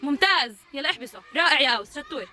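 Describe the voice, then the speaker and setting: Brief: young woman, preschool teacher, very high and bright voice, energetic and encouraging with the kids. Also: racing, some chatter behind. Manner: energetic, encouraging, calling out to children. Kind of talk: leading a children's letter game.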